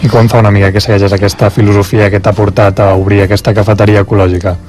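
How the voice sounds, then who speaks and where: A man's voice: on the low side, level tone, fast, darkish tone. A man asking questions as a radio interviewer in a conversational way. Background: background music.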